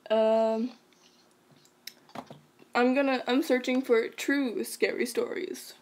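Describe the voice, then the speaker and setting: A woman's voice: fairly high pitch, slow. A woman hosting a casual chat, bubbly and giggly, who also reads a scary story aloud. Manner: bubbly and giggly, bursts into excited squeals. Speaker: channel host.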